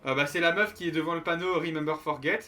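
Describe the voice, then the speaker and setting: A man's voice: a little high, quick pace, pushed and bright. A young man from France, streaming a game and chatting casually with his viewers in a joking, rambling way, full of restarts. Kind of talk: casual gameplay commentary to chat. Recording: light game music behind.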